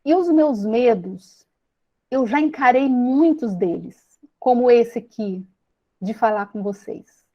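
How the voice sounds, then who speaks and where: A Brazilian woman giving a personal, earnest teaching talk to an audience, opening up about her own fears with restarts and soft pauses. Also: fairly high pitch, lively intonation, dull audio. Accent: Brazilian Portuguese. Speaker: speaker of a self-help talk.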